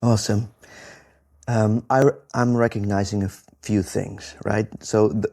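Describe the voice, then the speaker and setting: A man hosting an interview show, talking in a halting way with many ums and restarts. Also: on the low side, little pitch movement, vocal fry, darkish tone. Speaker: podcast host. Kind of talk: conversational interview.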